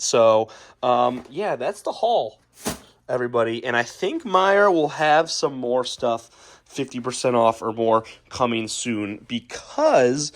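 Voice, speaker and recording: Rambling young man showing a haul. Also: medium pitch. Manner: rambling, full of ums and restarts, chatty. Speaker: vlogger showing a toy haul. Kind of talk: casual vlog chat.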